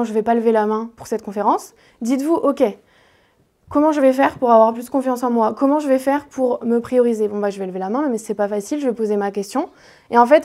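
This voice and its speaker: A woman's voice: fairly high pitch, mellow. A young woman speaking as a motivational speaker at a student conference, talking directly and casually to the audience with frequent fillers. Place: lecture hall at a business school.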